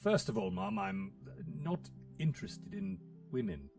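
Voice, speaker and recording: A man's voice: sits high, wildly swooping pitch, unhurried, gravelly, darkish tone, exaggerated voice. A man voicing a stiff, overly polite young British butler in a point-and-click game. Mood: prim. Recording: distant voice, faint music behind.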